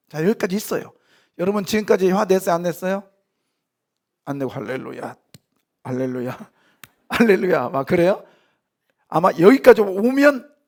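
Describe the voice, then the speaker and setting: A man preaching a sermon in a church, lively, asking the congregation questions and answering them himself, now and then acting out short lines. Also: on the high side. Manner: acts out short quoted lines in sharp voices. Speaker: pastor. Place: church sanctuary.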